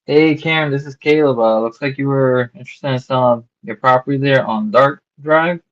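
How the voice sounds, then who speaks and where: A man cold-calling a homeowner about buying her house, talking casually and haltingly with lots of fillers and restarts, heard over a phone line. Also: medium pitch, a bit bright. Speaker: real estate wholesaler cold-calling a seller. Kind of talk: casual sales phone call. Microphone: phone call. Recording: dull lo-fi call recording.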